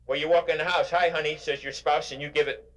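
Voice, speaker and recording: An older man giving a motivational keynote speech to a live audience, in an animated, emphatic, preacher-like way. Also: fairly high pitch, fast talker. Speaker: motivational speaker.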